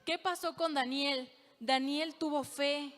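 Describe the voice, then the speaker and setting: A woman preacher giving an earnest, emphatic sermon, reading scripture aloud and pausing often. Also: sits high, steady tone, a bit bright. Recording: long reverb of a large hall.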